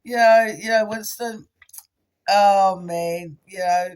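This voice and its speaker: A woman, trying out informal stand-up comedy in a halting, giggly, conversational way. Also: medium pitch, steady tone, darkish tone, smooth. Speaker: amateur comedian. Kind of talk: informal stand-up attempt for social media, casual rambling.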